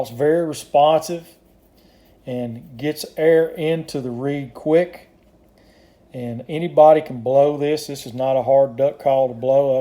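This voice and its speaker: Man, very dark soft-edged tone, fairly flat intonation, plainspoken, folksy, unhurried, casual product demo. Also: medium pitch. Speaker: duck call maker demonstrating his product.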